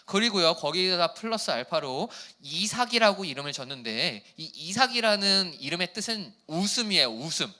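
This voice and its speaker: A man's voice: a little high, sharp tone. A young man preaching a casual sermon to teenagers, joking and asking the kids questions. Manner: playful, chatty, asks the kids questions. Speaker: youth pastor.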